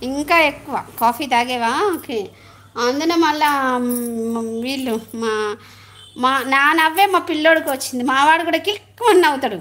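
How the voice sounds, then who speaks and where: A woman's voice: high-pitched, moderate pace, long pauses, fairly bright tone. A middle-aged woman, chatting casually on a live stream, laughing often and greeting viewers.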